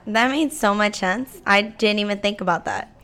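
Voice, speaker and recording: Playful woman co-host, voice worn hoarse. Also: mid-range voice, moderate pace, a bit bright. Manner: playful, reads listings aloud with asides. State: hoarse, voice worn from staying up late. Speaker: co-host of a real estate news show. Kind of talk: casual chat.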